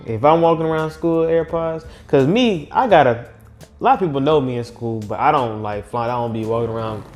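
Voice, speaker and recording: A man's voice: medium pitch, fairly quick, soft background music. A young man co-hosting a podcast in casual chat, laid-back and confident. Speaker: podcast co-host.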